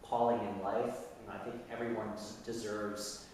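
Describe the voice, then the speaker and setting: A man's voice: fairly low pitch, level tone, normal speed, darkish tone. A man from San Francisco, a musician being interviewed, talking reflectively and restarting his thoughts as he searches for words. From San Francisco, USA. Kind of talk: casual conversational interview. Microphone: video call. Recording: echoey room, far from mic, faint hiss.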